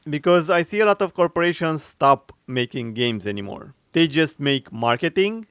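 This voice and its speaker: Sarcastic male commentary voice, smooth and dry. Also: a little high, no echo. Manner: sarcastic, mocking, frequent filler pauses. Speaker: commentary youtuber. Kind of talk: opinionated video commentary.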